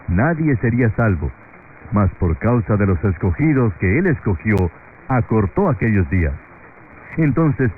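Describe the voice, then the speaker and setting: A man teaching a radio sermon verse by verse, reading scripture in a steady, measured way, heard over a faint, distant AM radio broadcast. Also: medium pitch. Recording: tinny radio reception with faint static.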